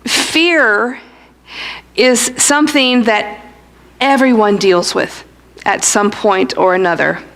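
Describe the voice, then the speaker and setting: Slow-spoken woman pastor preaching. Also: a little high, fairly bright tone. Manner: dry humorous asides; storytelling delivery. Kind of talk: sermon.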